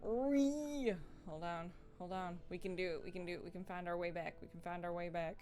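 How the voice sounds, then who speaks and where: A woman streaming a solo tabletop game, chatting excitedly with her viewers and reading out the adventure. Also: on the low side, moderate pace, soft background music. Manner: chatty and excitable, talks straight to her chat. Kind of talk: casual live-stream chat and adventure reading.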